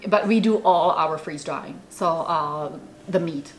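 A woman in her forties with a Czech accent, speaking in a fairly low voice. She chats animatedly in an interview, leaning on fillers as she goes. The recording comes from a small office with a faint hum of ambience. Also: takes it slowly. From Czech Republic. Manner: animated, talks with hands, many fillers. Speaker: food company founder. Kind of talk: casual interview chat. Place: small office with bookshelves, indoors.

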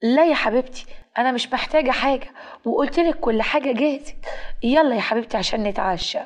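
A kind young sister-in-law, played by a woman narrator, speaking Egyptian Arabic, fond and insistent. Her voice sits high in a storybook cartoon tale. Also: quick pace, natural voice. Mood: affectionate. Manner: affectionate and insistent.

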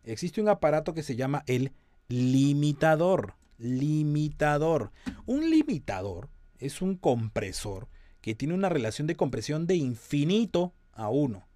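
A man's voice: on the high side, big pitch swings, unhurried, warm tone, dry recording. A man lecturing on audio compression in an online class, explaining step by step and checking that his students follow.

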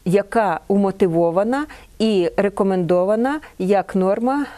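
A woman explaining a grammar point in a thoughtful manner, pausing with hesitations. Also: mid-range voice, dark tone, no room sound. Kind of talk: explanatory talk.

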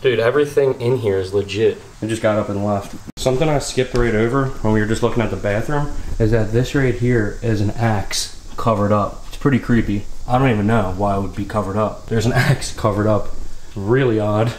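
A young man hosting a casual video walkthrough of an abandoned property, excited and peppering his talk with "like", walking outdoors and through empty rooms. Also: lowish voice, brisk, a little hiss or hum, poor audio. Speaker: urban explorer host. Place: outdoors on rural land, then inside an empty house.

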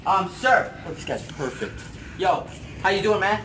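A man in a prank video, talking slowly and showily as he approaches people. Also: high-pitched, very animated, noisy background. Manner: slow, drawn-out, showy self-introduction. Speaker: street prankster.

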